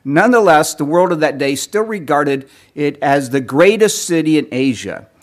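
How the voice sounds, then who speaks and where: A man giving a teaching sermon, lecturing in a measured way, clearing his throat often as he is losing his voice. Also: a little high, lively intonation. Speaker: preacher.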